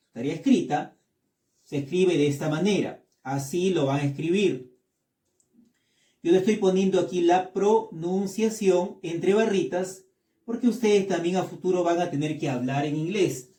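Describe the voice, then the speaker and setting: A man with a high, mellow voice teaches a lesson at a slow, patient pace. He repeats each word and keeps checking that his listeners follow. He sounds set back from the mic in an echoey room. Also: recorded from a distance. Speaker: English teacher. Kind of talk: classroom lesson.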